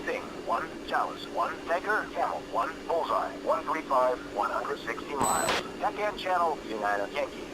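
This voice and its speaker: Terse pilot radio through an oxygen mask. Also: male voice, on the high side, very animated, normal speed, long pauses. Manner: clipped, formal radio procedure. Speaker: air controller and pilot radio calls. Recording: noisy, distant radio chatter.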